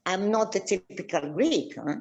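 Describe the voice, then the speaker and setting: An older woman from Egypt, a tour guide and archaeologist, chatting casually and slowly with many fillers and restarts. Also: mid-range voice, lively intonation, gravelly, a little mellow, muffled recording. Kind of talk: casual video-call chat.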